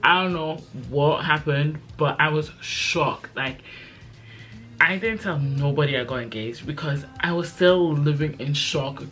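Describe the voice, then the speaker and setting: Over soft background music, a deep, slightly bright female voice speaks unhurriedly. She is a YouTuber in her twenties, raised in Belgium, rambling through a casual chit-chat vlog to camera with plenty of filler words.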